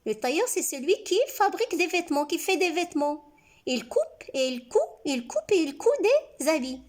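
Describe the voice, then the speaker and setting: Woman teacher, high voice, lively pitch, unhurried, words said syllable by syllable, questions to the class. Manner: slow, clear, with words spelled out syllable by syllable; asks the class questions and praises answers. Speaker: primary school teacher. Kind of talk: recorded reading lesson for young pupils.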